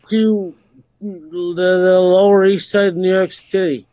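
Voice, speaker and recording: A man from Canada calls in with an insistent, earnest delivery. His voice is high for a man and the sound is very dry. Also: little pitch movement, unhurried, dark tone, no echo, low-quality recording. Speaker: caller.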